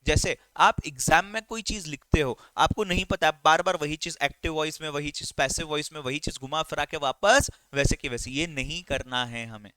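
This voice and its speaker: A man's voice: on the high side, clean tone, no echo, poor audio. A male teacher giving a recorded lecture. He talks animatedly and keeps checking that his students follow. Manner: animated, keeps checking understanding with quick questions.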